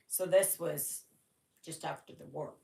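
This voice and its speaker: This Canadian woman, a native German speaker, has a low voice with vocal fry and a darkish tone, heard in a roomy space. She hosts a casual stitching livestream, chatting in a rambling way and saying "oh my gosh" a lot.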